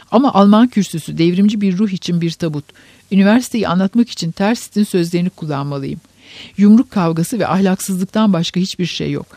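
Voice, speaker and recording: A man's voice: sits high, a little mellow, dry recording. A man voicing a young male radical editor, speaking with defiance.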